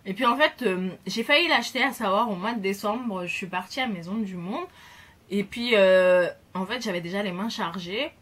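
Young female beauty vlogger, chatty and bubbly, mid pitch, pauses a lot mid-sentence, recorded at home. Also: a bit bright. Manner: chatty and enthusiastic, hesitant pauses. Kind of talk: casual gift haul chat.

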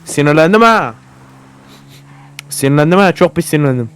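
A man giving casual gameplay commentary for his channel, swearing a lot and often yelling at the game in excitable bursts. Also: on the high side, normal speed, clear, resonant tone. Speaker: gaming YouTuber.

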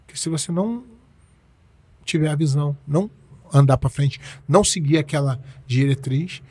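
A man's voice: a little high, normal speed, a little mellow, slightly rough. A Brazilian man in his forties, a jiu-jitsu coach telling stories in a casual interview, emphatic and repeating his points with slangy speech. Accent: Brazilian Portuguese.

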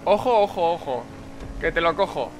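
A man from Spain commentating his own racing game live, excitable and swearing, repeating words in rapid bursts. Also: fairly high pitch. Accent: Spain Spanish. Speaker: gameplay commentator. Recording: faint game noise behind.

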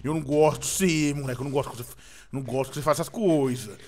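A man's voice: medium pitch, very fast, crowd noise. A young Brazilian man with a Brazilian Portuguese accent, teasing his friends during casual gameplay banter. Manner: teasing, mock-indignant, laughing. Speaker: gaming youtuber.

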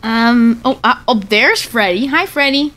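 A young woman giving casual, excitable gaming commentary, swearing often and breaking into frequent laughter. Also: on the high side, a little slow. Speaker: gamer.

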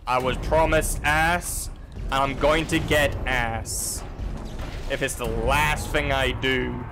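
A man streaming a video game, giving casual, crude commentary with goofy loud outbursts. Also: medium pitch, fairly even intonation, slow pace, background noise.

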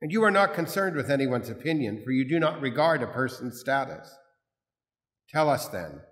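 A man, a priest, reading the gospel and preaching in a measured, formal way, his voice carrying a cathedral echo in a large church. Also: medium pitch, fairly bright tone. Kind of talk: proclaiming the gospel and preaching a homily. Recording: long echoey hall reverb from a big church.

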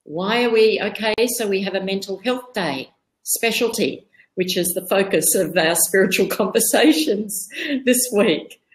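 A woman hosting a live-streamed discussion, talking earnestly and deliberately. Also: medium pitch, lively intonation, rough recording. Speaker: host.

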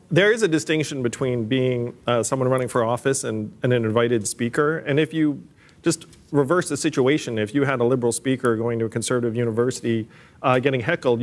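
A man on a discussion panel, measured and reasoning through his point. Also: mid-range voice. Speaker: panel guest.

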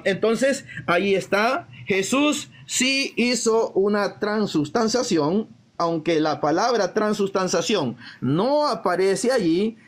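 A man in a live online debate, reading Bible verses slowly and arguing his point with stresses on each quoted line. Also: sits high.

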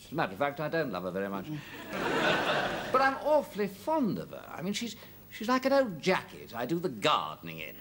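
An actor playing a breezy, flirtatious colleague who jokes and chuckles in a studio sitcom. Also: male voice, a little high, huge pitch swings, brisk, background noise. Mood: smug. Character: smug middle-aged male colleague, flirtatious.

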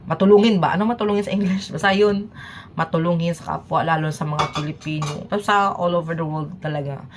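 Low-voiced Filipina reaction vlogger. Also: female voice, fairly even intonation, fairly quick, a little hiss or hum. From Philippines. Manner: chatty, switches between Tagalog and English, laughs often. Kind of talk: casual reaction chat.

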